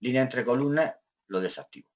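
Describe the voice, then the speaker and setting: A man teaching an office software class, explaining each step and often checking in with his students, slowing down and going quiet while he types. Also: mid-range voice, lo-fi sound. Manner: slows down and trails off quietly while typing. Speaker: computer skills teacher. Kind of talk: screen-recorded software lesson.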